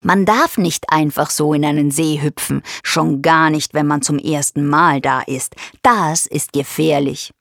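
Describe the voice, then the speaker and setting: A woman voicing a huge, friendly male hippo in a children's story, speaking in a slow, rumbling drawl. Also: fairly even intonation, gravelly, fairly bright tone, dry recording, clean studio sound, heavily acted. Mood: warning.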